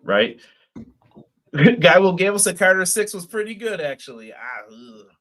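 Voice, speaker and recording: A high, sing-song, fairly bright voice comes from a man co-hosting a live wrestling podcast, speaking unhurriedly. Relaxed and casual, he reads viewers' comments aloud and laughs frequently.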